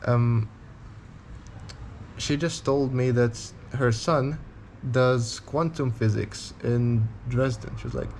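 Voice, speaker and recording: A young man in his twenties talks to camera in a casual travel vlog, his voice sitting at an ordinary middle pitch. He rambles candidly and speaks his mind bluntly. A faint ambient hiss runs underneath. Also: steady tone, takes it slowly, darkish tone. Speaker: touring cyclist vlogger.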